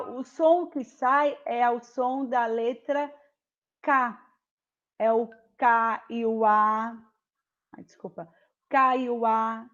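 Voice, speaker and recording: On dull audio, a woman with a fairly high voice teaches a primary school class online. She goes slowly and patiently, explaining step by step, repeating herself and often asking "tá certo?" to make sure the children follow.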